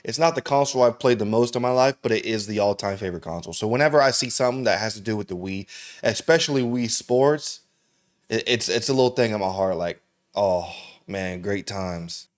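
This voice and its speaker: A man's voice: mid-range voice, fast. A man hosting a reaction video, talking casually in slangy, profane, rambling speech and saying "bro" constantly. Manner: rambling, with frequent restarts.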